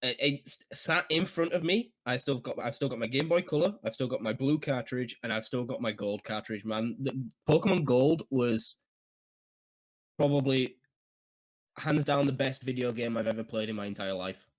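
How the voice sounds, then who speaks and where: A man, chatting casually and nostalgically on a podcast, laughing often and filling pauses with ums. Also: medium pitch. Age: 20s. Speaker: podcast co-host. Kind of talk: casual chat.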